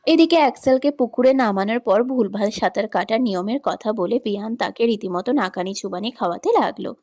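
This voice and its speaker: A woman reading a romance story in scripted narration, with steady, even storytelling. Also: medium pitch, a little fast.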